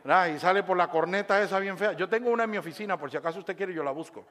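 A male pastor preaching a sermon, swinging from quiet asides to shouted praise and acting out voices of the congregation. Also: high voice, rapid-fire.

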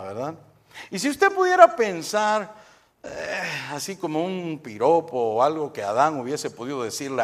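A middle-aged man preaching a humorous sermon at a church service, telling jokes and quizzing the congregation. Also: mid-range voice. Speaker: pastor.

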